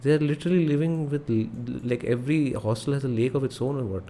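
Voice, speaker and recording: A man's voice: medium pitch, quick pace, warm tone. A young man with an Indian accent giving casual live game commentary, thinking aloud with frequent exclamations. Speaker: live streamer playing a geography guessing game. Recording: noticeable background noise.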